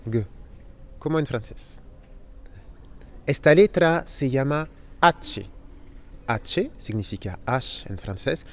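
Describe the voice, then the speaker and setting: Man teaching Spanish letters. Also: medium pitch. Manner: explains slowly, spelling out sounds and repeating them. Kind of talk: language lesson.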